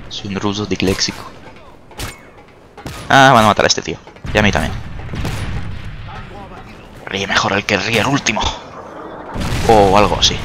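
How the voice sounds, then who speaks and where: A man's voice: on the low side, sharp tone, a little hiss or hum. A young man from Spain with a Spanish accent, chatty and sarcastic as he comments on his own gameplay, yelping at the game now and then. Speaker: gaming YouTuber. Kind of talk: let's-play commentary. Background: faint game gunfire.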